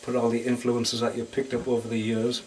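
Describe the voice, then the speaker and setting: A man's voice: mid-range voice, monotone, a little fast, a little mellow. A man with a Northeast English accent, a band guitarist chatting easygoing and rambling in a casual interview at a lounge bar. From Sunderland, England. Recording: distant mic, faint room noise.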